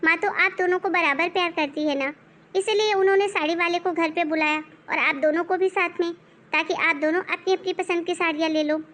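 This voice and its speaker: A woman voicing a sensible young college girl who calmly reasons with her sister-in-law. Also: very high voice, a little fast. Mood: coaxing. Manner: reasoning, coaxing.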